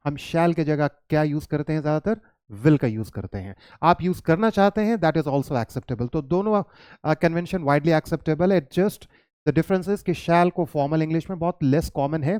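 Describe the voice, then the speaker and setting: An English teacher gives a classroom grammar lesson, mixing Hindi and English, reading English sentences slowly and asking and answering his own questions. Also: fairly high pitch, darkish tone, smooth, no room sound, studio quality. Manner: mixes Hindi and English, reads English lines slowly; addresses students as children, asks and answers his own questions.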